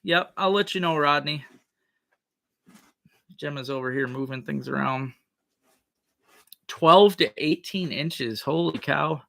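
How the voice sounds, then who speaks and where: A man's voice: on the high side, slow, gravelly, long pauses, sharp tone. A man hosting a livestream, chatting casually with viewers in a folksy, rambling way. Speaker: livestream host.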